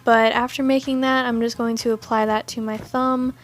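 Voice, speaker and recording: A woman's voice: a little high, level tone, normal speed. A young woman with a Southern US accent, narrating her nail tutorial in a chatty, self-mocking way. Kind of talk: casual voice-over narration.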